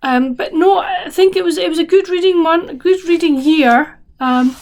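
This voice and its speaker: Tired lady, high voice, rambly book vlog chat with lots of ums. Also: normal speed, a little mellow. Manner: chatty, rambling with many restarts and fillers. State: tired, yawning. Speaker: book vlogger. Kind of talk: casual chat to camera.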